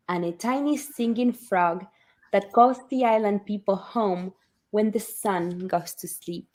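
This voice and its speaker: A woman reading a wise, loving old grandfather's lines slowly and tenderly from a storybook, over a video call. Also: mid-range voice, a little mellow, natural voice.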